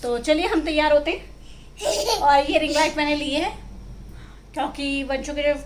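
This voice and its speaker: A woman's voice: high-pitched, unhurried. A young woman from India, chatting casually in a family vlog and cooing to her toddler. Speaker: family vlogger. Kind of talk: casual home vlog chat. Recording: noisy home ambience.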